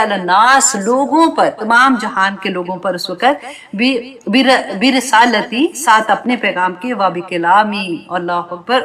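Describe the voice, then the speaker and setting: A woman's voice: mid-range voice, fairly bright tone. Earnest woman teaching a scripture class. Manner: reads verses phrase by phrase, translating each, then explains earnestly; addresses listeners directly, often adding tag questions. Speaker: Quran teacher. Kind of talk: Quran commentary lesson to a class.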